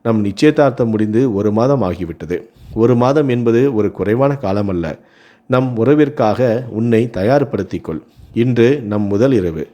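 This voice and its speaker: A man's voice: lowish voice, expressive, a little slow, warm tone. A man doing a possessive young husband. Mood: insistent. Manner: insistent, teasing.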